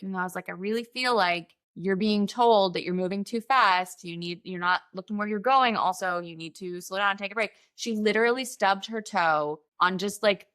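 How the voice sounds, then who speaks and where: A woman's voice: medium pitch, a bit bright. A woman hosting a casual podcast conversation, telling stories with lots of acted-out quotes. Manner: chatty storyteller, acts out quoted voices. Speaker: podcast host.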